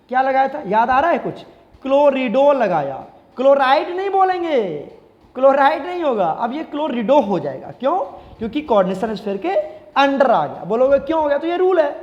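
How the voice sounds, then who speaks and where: A man's voice: very high voice, darkish tone, long reverb tail. A male chemistry teacher, giving a classroom lecture and repeatedly asking the class questions and answering them himself. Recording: slightly dull lo-fi sound.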